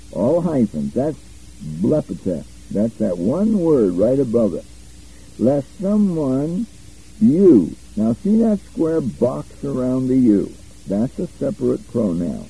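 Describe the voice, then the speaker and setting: An older man giving a Bible study lecture, explaining Greek grammar step by step and repeating key phrases to make them clear. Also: mid-range voice, dark tone, low-quality recording. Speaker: Bible teacher.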